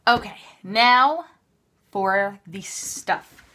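A craft haul vlogger speaks extremely slowly in a medium-pitched, pushed, bright voice. Sitting at a craft table indoors, she gives an offhand, chatty show-and-tell that's entirely unscripted, regularly interrupting herself as she presents each item.

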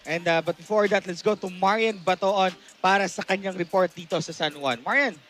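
A man's voice: sits high, brisk, a bit bright, soft background music. A young man with a Filipino accent presenting a sports broadcast as anchor on a headset. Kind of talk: sports broadcast presenting, mixing English and Tagalog.

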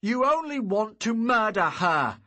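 A man's voice: sits high, sing-song, unhurried, pitched above the performer's own voice, full character voice. A man voicing a defiant young man who confronts his estranged father, raising his voice in an audiobook reading. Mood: accusing. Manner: defiant, shouting back.

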